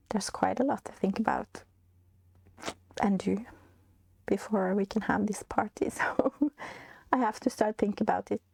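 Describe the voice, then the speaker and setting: A Norwegian woman in her forties with a stuffy, congested voice, chatting casually as a knitting vlog host, hesitant with many fillers and soft laughs. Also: mid-range voice, gravelly, no room sound. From Norway. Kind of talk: casual chat.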